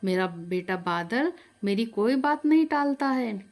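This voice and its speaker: A woman's voice: fairly high pitch, lively intonation, a little slow, a little mellow. A woman voicing a kind, motherly aunt who soothes and reassures a crying girl in a storybook tale. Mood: soothing. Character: kindly motherly aunt, comforting and firm.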